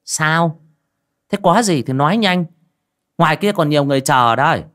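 A man voicing a greedy, foul-mouthed old female village shaman, sharp and scolding. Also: on the high side, sing-song, moderate pace, pitched above the performer's own voice. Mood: curt. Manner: sharp, scolding, curses freely.

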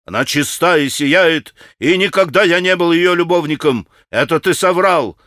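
A man's voice: on the high side, expressive, measured pace, a bit bright, dry recording, clean studio sound. A man voicing a desperate young man in an audiobook, pleading and faltering.

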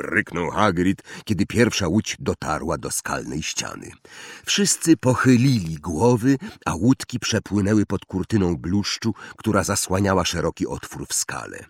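A male audiobook narrator with a lowish voice, reading slowly and with plenty of melodic rise and fall. The recording is dry and close, with no room sound. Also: dry recording.

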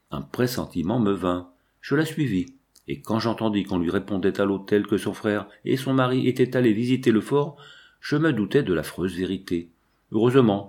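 A man reading a classic novel aloud in a measured, dramatic narration. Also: on the low side, a little mellow. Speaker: audiobook reader. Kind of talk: literary narration.

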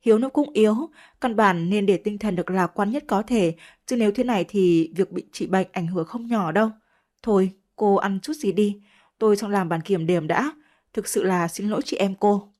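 A woman reading the lines of an apologetic man looking after a sick boy, in a soft, regretful way. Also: mid-range voice, moderate pace, close to an everyday voice. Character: apologetic middle-aged man, caretaker.

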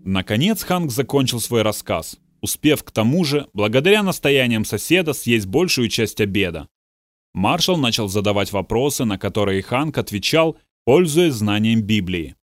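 A male narrator reading a thriller in steady, dramatic scripted narration. His voice sits at a medium pitch and the recording is dry and close. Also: moderate pace, no room sound. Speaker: audiobook narrator.

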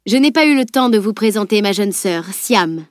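A woman voicing a seasoned male weapons master who explains things calmly and firmly, in an audiobook. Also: medium pitch, moderate pace, no echo, clean studio sound, lightly acted. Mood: grave. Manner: calm, explanatory, firm. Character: grave grown man, seasoned weapons master.

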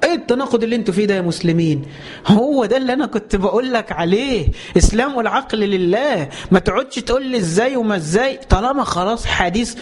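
Male Egyptian preacher, rapid-fire religious lesson, emphatic and emotional, talks straight to the congregation. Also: high voice, lively intonation. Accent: Egyptian Arabic. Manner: emotional, emphatic, repeats oaths; addresses listeners directly.

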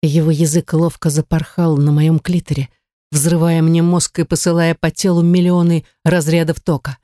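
Brief: female audiobook reader, mellow and dark, dry close read, intimate storytelling. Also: sits low, little pitch movement, moderate pace, dry recording. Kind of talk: first-person erotic audiobook narration.

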